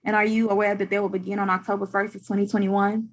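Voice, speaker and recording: A woman with a mid-pitched voice speaks as an attorney for the state. Her delivery is formal and procedural, with halting phrasing. She is heard over a video call. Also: flat delivery. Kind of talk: formal courtroom questioning.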